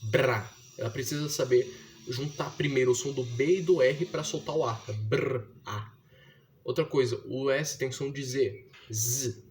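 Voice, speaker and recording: A man's voice: medium pitch, moderate pace, darkish tone, slight background noise. A young man from Brazil, talking casually and explaining step by step, with slangy fillers. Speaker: vlogger teaching his younger sister to read. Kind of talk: casual slangy monologue to camera.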